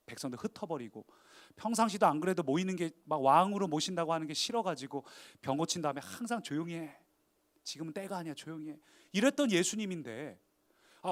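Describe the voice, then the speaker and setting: A male pastor delivers a sermon with emphatic, dramatic delivery. His voice sits high for a man, and he moves between rising appeals and hushed, explanatory asides.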